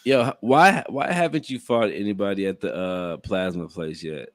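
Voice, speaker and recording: A man's voice: deep voice, normal speed, no echo, clean studio sound. A man co-hosting a podcast, teasing his friends and laughing easily in casual talk. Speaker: podcast co-host.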